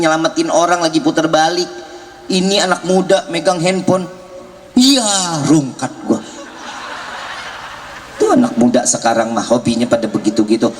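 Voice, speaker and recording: A man's voice: on the high side, fairly bright tone, big-room sound. A man preaching to a large gathering, joking and teasing the crowd and acting out both sides of a conversation. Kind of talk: lively sermon with jokes. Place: large outdoor religious gathering.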